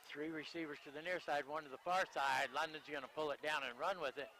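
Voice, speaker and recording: A man's voice: fairly high pitch, fairly even intonation, quick pace, pushed and bright, slight background noise, rough recording. Joking radio football announcer, man. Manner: joking, self-deprecating banter between calls. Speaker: play-by-play announcer. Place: outdoors at a high school football game.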